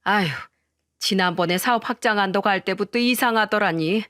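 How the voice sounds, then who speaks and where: Selfish older mother-in-law, nagging and sharp, read by a woman narrator, dry mic. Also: medium pitch, brisk, no echo, lightly acted. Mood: fretful.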